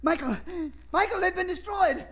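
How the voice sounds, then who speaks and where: An actor playing a frail, vengeful old professor, stammering and excitable in 1930s radio drama style. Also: male voice, extremely high pitch, moderate pace, gravelly, background noise. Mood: panicked, pleading. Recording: muffled vintage 1930s radio recording.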